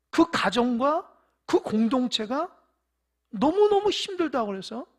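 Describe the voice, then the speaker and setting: With a high voice, this pastor tells parables and questions the congregation during a church sermon. He alternates forceful, loud emphasis with quiet passages that drop almost to a whisper.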